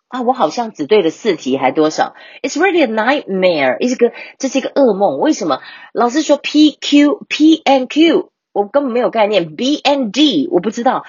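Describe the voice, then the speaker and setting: Woman teaching English, husky voice. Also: medium pitch, darkish tone, no room sound. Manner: switches between Mandarin and English, explains vocabulary slowly. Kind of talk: bilingual English lesson podcast. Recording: dull, lo-fi dry recording.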